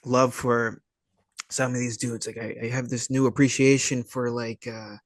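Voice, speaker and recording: Speaking at a moderate pace with a level tone, the same indie filmmaker talks as a podcast guest, his medium-pitched voice recorded with no echo. The conversation is loose and excited, peppered with slang, cursing, and halting bursts of "like" and "dude."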